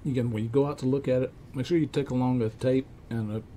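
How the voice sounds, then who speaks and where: Recorded clearly amid steady room noise in a cluttered indoor electronics workshop, an older man with a medium-pitched voice explains equipment checks. As a repair technician, he demonstrates informally and step by step, in a methodical, halting manner.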